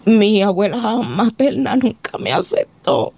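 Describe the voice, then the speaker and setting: A woman's voice: medium pitch, big pitch swings, slow, vocal fry, darkish tone, breathy edge. A Puerto Rican woman giving her personal testimony as a guest in an interview, talking hesitantly with many filler words. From Puerto Rico.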